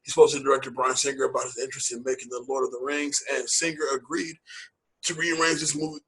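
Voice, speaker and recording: Co-hosting a movie podcast, a man chats casually in a loose, hype style, repeating phrases and using slang. His medium-pitched voice is a bit bright and husky, and the recording is rough.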